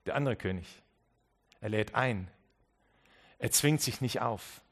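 A man preaching a Christmas sermon, speaking straight to the listener with many restarts and swings between quiet and emphatic passages. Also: lowish voice, unhurried, breathy edge. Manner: earnest, direct address with many restarts.

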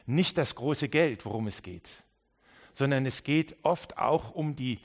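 A man preaching a Christmas sermon, speaking straight to the listener with many restarts and swings between quiet and emphatic passages. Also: mid-range voice, expressive, a little slow. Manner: earnest, direct address with many restarts.

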